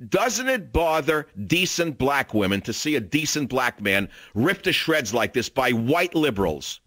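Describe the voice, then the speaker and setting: A man's voice: medium pitch, big pitch swings, unhurried, fairly bright tone, no room sound. An older man hosting a call-in radio talk show, ranting in an indignant, combative way.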